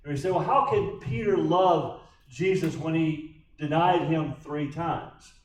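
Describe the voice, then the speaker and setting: Slow, emphatic pastor in an echoey room. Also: male voice, medium pitch, darkish tone, distant mic. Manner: slow, emphatic, acts out quoted lines. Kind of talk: bible study teaching. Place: church room. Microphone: distant backup recording.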